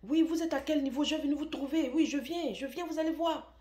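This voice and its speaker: A woman acting out a furious, jealous husband who shouts threats and accusations over and over. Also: high voice, brisk, voice pushed up, lightly acted. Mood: shouting, threatening. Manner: shouting, accusing, repeating himself. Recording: echoey room.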